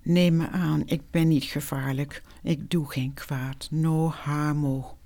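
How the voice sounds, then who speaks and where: The narrator voicing a shaken man in his forties who halts and stammers, speaking in a hushed, partly whispered way. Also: on the high side, fairly even intonation, slow pace. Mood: hushed pleading. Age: 40s. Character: shaken middle-aged man, halting and stammering. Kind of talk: quiet spoken storytelling.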